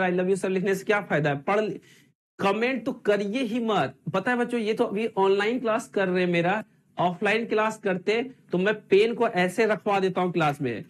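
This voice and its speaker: Call-and-response drilling fills this clip: a man with a high voice teaches exam prep online, asking his class identical questions many times over.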